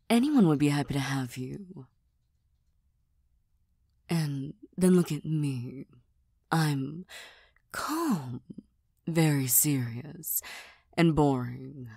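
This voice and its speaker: A woman playing a tired, serious young cat girl who doubts herself, in a soft, breathy ASMR role-play with a deadpan, gently teasing manner. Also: sits low, no room sound, clean studio sound, full character voice. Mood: self-deprecating, hesitant.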